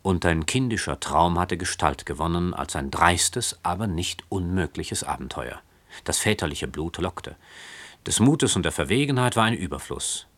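A man narrating a literary story in a measured, calm way. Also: deep voice, no room sound. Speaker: audiobook narrator.

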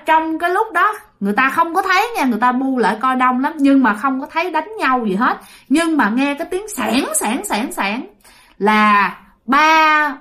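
A woman's voice: high-pitched, fairly bright tone. A woman telling a ghost story in a chatty way, speaking directly to listeners. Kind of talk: casual spoken ghost story.

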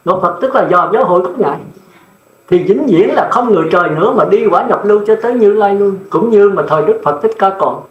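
Older male monk, high voice; blunt sermon delivery; echoey, slightly muffled recording. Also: lively intonation, fast. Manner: blunt, plain-spoken, often asks "nghe không?". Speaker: Buddhist monk preacher. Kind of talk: dharma talk sermon.

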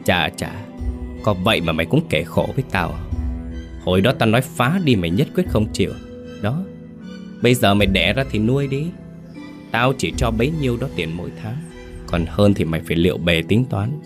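A man's voice: low-pitched, brisk, music in the background, natural voice. A man voicing a cold, bullying young village teacher who talks down harshly.

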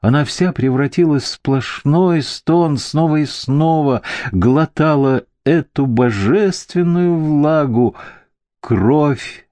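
Male audiobook narrator, really slow, mellow and theatrical. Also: a little high, dry recording.

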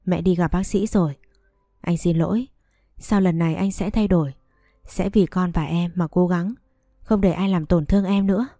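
A woman's voice: on the low side, steady tone, normal speed, warm tone, no room sound, studio quality, faint music behind. A woman reading the lines of a drunken, cheating young husband in a slurred, wheedling tone. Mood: apologetic.

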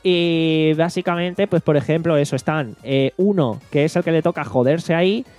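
Chatty man, slightly high voice. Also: moderate pace, darkish tone, faint music behind. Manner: retells a comedy show with lots of fillers and swearing. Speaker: podcast host. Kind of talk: casual chat.

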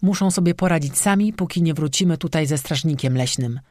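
A narrator voicing a stubborn young man who shouts orders at his frightened friends. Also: mid-range voice, brisk, no echo, clean studio sound, natural voice. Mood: barking orders. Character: stubborn young man leading a group, harsh.

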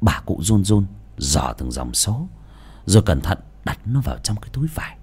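Husky guy reading a sad drama story out loud, voice swoops up and down a lot. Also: low voice, very animated, moderate pace. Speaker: narrator. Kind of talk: scripted storytelling narration.

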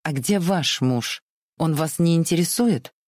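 A reader voicing a spiteful spinster in an audiobook, sharp and accusing. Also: medium pitch, expressive, unhurried, dry recording, clean studio sound. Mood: gloating. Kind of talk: audiobook reading.

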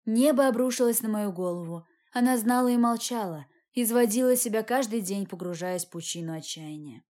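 A woman reading a dramatic first-person story aloud, expressive in her delivery. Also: medium pitch, fairly quick. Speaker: audiobook narrator.

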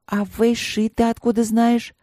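A reader voicing a curious, lively young princess who asks eager questions. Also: medium pitch, unhurried, no echo, clean studio sound, voice pushed up, close to an everyday voice.

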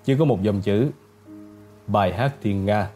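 A man's voice: lowish voice, a little slow, mellow, faint music behind, close to an everyday voice. A male narrator playing a sly adventurer who speaks with wry amusement. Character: sly, grinning adventurer, man.

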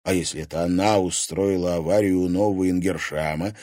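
A man narrating an audiobook in an even storytelling manner. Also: low-pitched, brisk, no echo, clean studio sound. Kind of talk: scripted narration.

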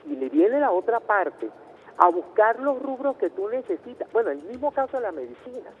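High-voiced Venezuelan man on a phone line. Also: lively intonation, moderate pace. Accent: Venezuelan, Caracas. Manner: insistent, keeps cutting in to make his point. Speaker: radio caller. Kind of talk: phone-in debate. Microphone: telephone. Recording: tinny phone line with faint noise.

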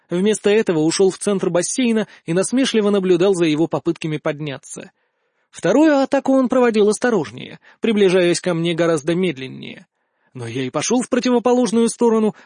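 A man's voice: high-pitched, lively intonation, a little fast, a little mellow, no room sound. A man narrating a fantasy audiobook in the first person with a dry, wry manner.

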